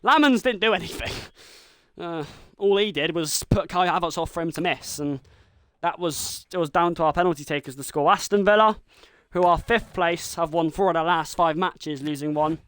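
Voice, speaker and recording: A man streaming a football video game live, calling the action like a commentator and shouting at the big moments. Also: fairly high pitch, moderate pace, clear, resonant tone, no room sound. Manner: mimics a football commentator and a team manager.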